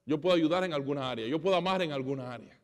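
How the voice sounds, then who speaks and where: Male pastor, fairly high voice, dramatic sermon delivery, long hall reverb. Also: very fast. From Spanish heritage. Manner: dramatic, acts out dialogue, swings between loud and soft.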